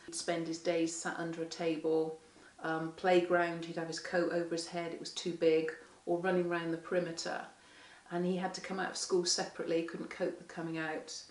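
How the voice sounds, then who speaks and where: Hoarse mother in an echoey room. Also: fairly low pitch. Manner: frank, candid storytelling that acts out quoted speech. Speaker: parent carer. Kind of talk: interview testimony. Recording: echoey room, mic far off.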